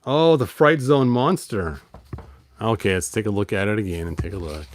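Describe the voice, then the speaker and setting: With a fairly low voice, lively intonation, and normal speed, a man reading a children's story keeps interrupting himself with playful, wry, rambling remarks and sound effects. He hosts a show about toys and storybooks.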